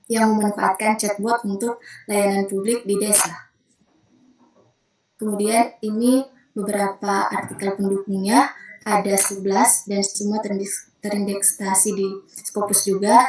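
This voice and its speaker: A woman's voice: mid-range voice, reverberant, rough recording. Young woman giving a formal student presentation. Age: young adult. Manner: methodical, steady, occasional self-corrections. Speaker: student presenting a thesis proposal. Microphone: video call.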